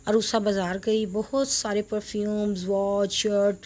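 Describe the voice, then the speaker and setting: A woman reading a novel aloud, telling the story in a plain, steady way. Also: medium pitch, measured pace. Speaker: story reader.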